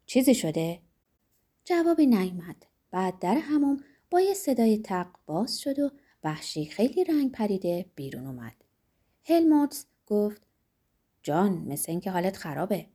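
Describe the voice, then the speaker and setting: A woman narrating an audiobook chapter with expressive storytelling. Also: medium pitch, breathy edge.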